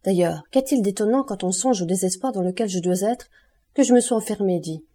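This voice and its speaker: Bold young woman, brisk and teasing, mellow voice, a woman reader doing her. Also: mid-range voice, slightly rough, lightly acted. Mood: confident. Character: bold, daring young woman eloping in disguise.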